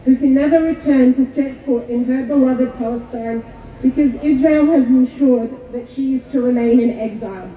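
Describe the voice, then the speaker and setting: Solemn woman speaking at an outdoor rally. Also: sits high. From Kuwait. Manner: measured, solemn delivery. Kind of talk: prepared speech at a rally. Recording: echoey far-off PA with tinny sound.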